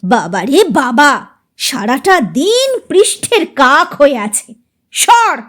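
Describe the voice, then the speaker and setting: Woman playing a short-tempered mother, scolding, high and lively. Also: takes it slowly, exaggerated voice. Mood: snapping. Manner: scolding, exasperated. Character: harried, short-tempered mother cooking in a kitchen.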